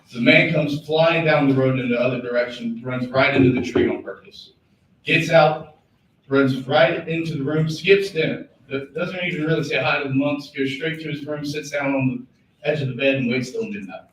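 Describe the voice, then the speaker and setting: A young man telling a long shaggy-dog story to a meeting, with dramatic pauses and repeated lines. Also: medium pitch, fairly even intonation, fairly bright tone. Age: young adult. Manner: storytelling with dramatic pauses, acted quotes, repetitions. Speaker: student senator telling a joke. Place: large echoey meeting room. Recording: echoey hall from far off, faint room noise.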